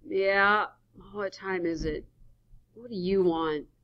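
A woman voicing a gruff, scolding rural man who runs a roadside stand, woken in the night, on a dull lo-fi recording. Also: high voice, big pitch swings, a little slow, a bit bright, voice pushed up, heavily acted. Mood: sleepy. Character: gruff sleepy rural male stand owner.

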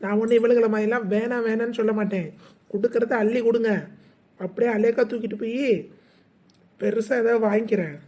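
A woman's voice: on the high side, fairly even intonation, brisk, dark tone, natural voice. A performer voicing a cheeky, greedy village woman with a brash, teasing way of talking.

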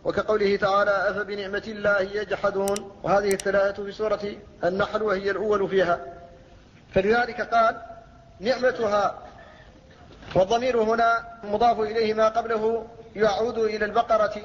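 High, even-toned male lecturer in reverb. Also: brisk, slight background noise. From Mauritania. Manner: steady scholarly explanation, quoting verses. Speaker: Quran recitation teacher. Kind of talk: classical Arabic lecture on tajweed. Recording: dull lo-fi lecture recording with long reverb.

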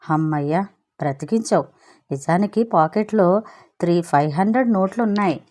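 Excitable dramatic young man, woman reading, storybook, mellow lowish voice. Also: normal speed. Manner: exclamatory, mixes English words.

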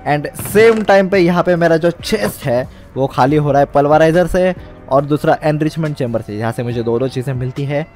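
A man's voice: fairly high pitch, normal speed, darkish tone, soft background music. Young male gamer narrating gameplay. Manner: explains step by step, mixes English words into speech. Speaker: gaming channel host. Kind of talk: casual gameplay commentary.

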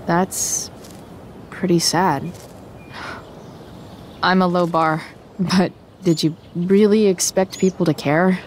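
Sardonic teen rebel, slow slangy delivery, dry sarcasm, video game drama, faint background ambience. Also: female voice, fairly low pitch, fairly even intonation, a little mellow, a little hiss or hum. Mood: sarcastic. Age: young adult. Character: sardonic, rebellious teenage girl.

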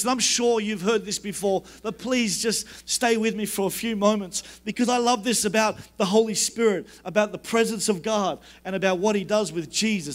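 This man is a pastor delivering a sermon with emphasis and plenty of repetition. When he quotes the words of God, he drops into a low, soft voice.

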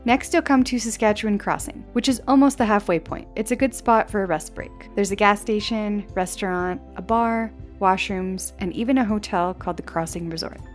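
A woman's voice: mid-range voice, normal speed, few pauses, faint music behind. A young woman in a vlog, giving an upbeat, descriptive voice-over as a travel guide. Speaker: travel vlogger. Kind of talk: scripted travel narration. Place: outdoors at a mountain lookout for on-camera parts.

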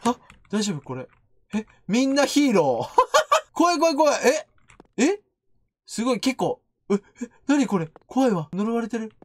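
A man's voice: very high voice, very animated, dry recording. A man doing jumpy, teasing commentary on a horror game he is streaming. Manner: jumpy, loud, teasing, quick to shriek. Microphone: studio microphone.

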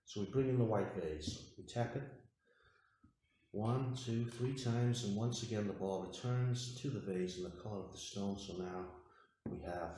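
Male magician presenter, lowish voice, orderly demonstration patter; heavily reverberant home recording with faint noise. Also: moderate pace, dark tone. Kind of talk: scripted magic routine patter to camera. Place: indoor room at a wooden table. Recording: very echoey room, faint noise, clicks.

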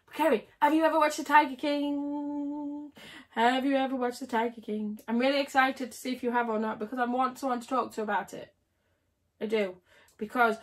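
A woman livestreaming casually, chatting and giggling with viewers while she builds. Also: high-pitched. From United Kingdom.

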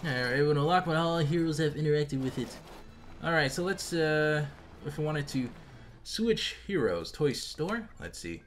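A young American man giving casual, slangy, animated commentary as he plays a video game. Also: a little high, normal speed, slight background noise. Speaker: gaming video host. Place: indoor room at home, facecam. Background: game music.

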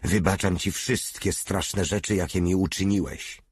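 A man's voice: sits low, steady tone, measured pace, breathy edge, no echo, clean studio sound. A man voicing a simple-minded, hulking soldier who talks about himself in the third person, read as an audiobook character. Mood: pleading.

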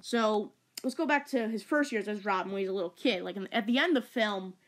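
A young woman giving a casual movie review, rambling and excitable, full of fillers and stumbles. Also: mid-range voice, a little fast.

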